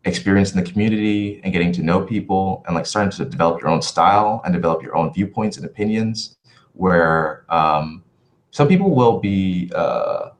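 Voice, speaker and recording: A man chatting casually as a livestream host in a halting, rambling, thoughtful way, with livestream headset-style audio. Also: low-pitched. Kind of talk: casual livestream chat answering viewer questions.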